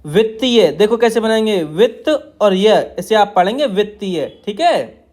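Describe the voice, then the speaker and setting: A man's voice: high-pitched, lively intonation, measured pace, a little mellow. A man teaching shorthand outlines, explaining each stroke in a patient, repetitive way while drawing on a tablet. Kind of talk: tutorial explaining steno outlines.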